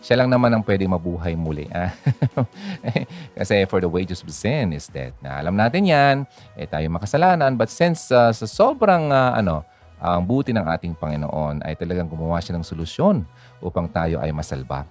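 A man with a low voice hosting a casual radio talk. His pitch rises and falls a lot as he chats. He fills the gaps with "ah" and checks in with quick tags, and faint music plays behind him. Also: sing-song. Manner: chatty, code-switching, many fillers and "ha?" tags. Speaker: radio host.

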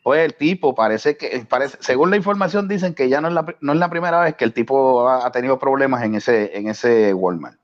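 A man's voice: mid-range voice, brisk, few pauses. A man telling a story in casual chat, acting out the voices of the people in it. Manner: animated, acts out quotes with raised voice. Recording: dull lo-fi audio.

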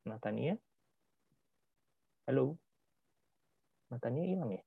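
A man's voice: mid-range voice, slow, creaky, breathy edge, dry recording. A man teaching a children's church lesson over a video call, acting out angry kids' lines and quizzing the class. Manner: lively, acts out angry kids' quotes, asks questions. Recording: dull lo-fi video call audio.

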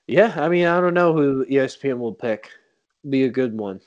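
A man's voice: medium pitch, moderate pace, highs cut off. A man chatting casually and jokingly about sports, with many fillers. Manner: animated, joking, lots of fillers. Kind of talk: casual chat.

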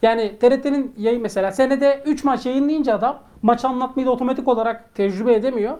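A woman's voice: fairly high pitch, quick pace, mellow. A woman talking casually as a panelist on a sports talk show, explaining her views.

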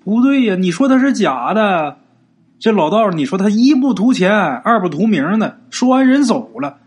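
A man's voice: high-pitched, very animated, moderate pace, slightly rough, voice pushed up, full character voice. A male storyteller voicing a doting middle-aged wife who stammers when unsure and snaps when her family is doubted. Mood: doubtful.

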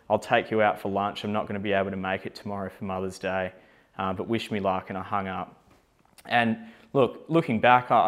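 A young man with a slightly low voice tells a story about himself. He sounds chatty and candid, scattering fillers and self-mocking asides through his talk as a company founder looking back. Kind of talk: casual personal storytelling.

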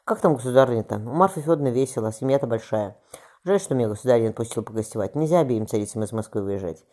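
A man voicing a timid, pious young tsaritsa who pleads softly. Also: medium pitch, lively intonation, rapid-fire, natural voice.

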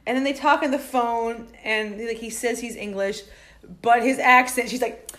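A woman's voice: fairly high pitch, fairly even intonation, normal speed, a bit bright. A woman in casual podcast chat, blunt and swearing freely as she retells gossip.

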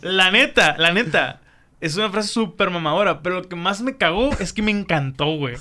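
A man's voice: high-pitched, expressive, moderate pace, pushed and bright. A young man with a Mexican Spanish accent, co-hosting a podcast in casual, slangy chat and laughing often. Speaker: podcast co-host.

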